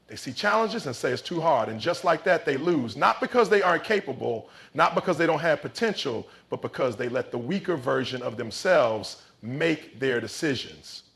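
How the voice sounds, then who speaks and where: Man, motivational pep speech, rough creaky grain, somewhat raised pitch, emphatic, short punchy lines, dramatic swells. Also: fairly bright tone. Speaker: motivational speaker. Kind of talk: scripted motivational speech, like a halftime pep talk.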